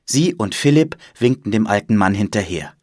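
Lively male audiobook narrator. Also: on the low side, normal speed, no echo, studio quality. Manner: expressive, lively reading. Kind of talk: audiobook storytelling.

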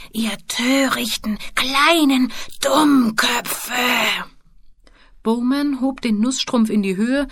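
A woman narrating a children's storybook in a calm, even manner. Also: fairly high pitch, no room sound. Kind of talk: audiobook narration. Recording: dry close studio sound.

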